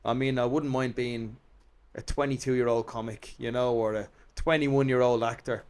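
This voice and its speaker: Rambling Irish actor telling stories. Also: male voice, medium pitch, steady tone, moderate pace, darkish tone. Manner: rambling storyteller, self-deprecating. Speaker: guest, actor and comedian. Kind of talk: casual interview chat.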